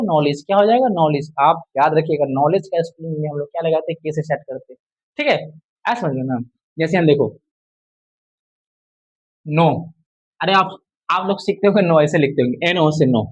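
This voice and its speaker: High-voiced man drilling English rules. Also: lo-fi sound. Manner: repetitive quizzing, drills answers aloud; addresses viewers as friend and brother. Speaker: English teacher. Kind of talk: casual spoken lesson.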